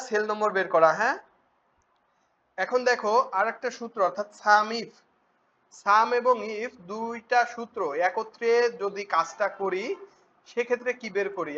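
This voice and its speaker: A man teaching a spreadsheet class, often asking students quick check questions. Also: high voice, pushed and bright. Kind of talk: spreadsheet tutorial. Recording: dull lo-fi recording with faint noise.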